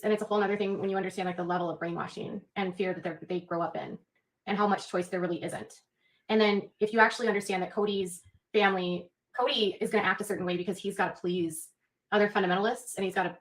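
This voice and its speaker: A woman's voice: mid-range voice, rough recording. A woman on a livestream earnestly explaining a point at length in casual talk.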